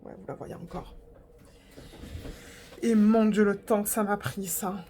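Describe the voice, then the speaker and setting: A woman's voice: mid-range voice, steady tone, unhurried, mellow, slight background noise. A young woman vlogging in a casual, rambling way, chatting to her viewers with lots of fillers and restarts. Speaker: diamond painting vlogger. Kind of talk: casual chat to camera.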